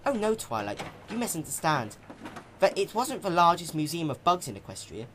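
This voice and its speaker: A narrator playing a gossipy storybook mare in hammy stage-actor style. The voice is raised, emphatic and insistent, with wide pitch swings. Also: sing-song, normal speed, fairly bright tone, slight background noise. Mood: dramatic awe. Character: gossipy, insistent pony recounting giant bugs.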